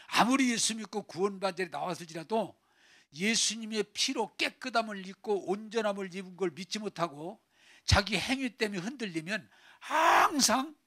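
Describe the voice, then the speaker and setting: Bright-voiced man preaching dramatically. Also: high-pitched, expressive, normal speed. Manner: dramatic, acts out voices with big swings from shouting to hushed. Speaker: pastor. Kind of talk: sermon.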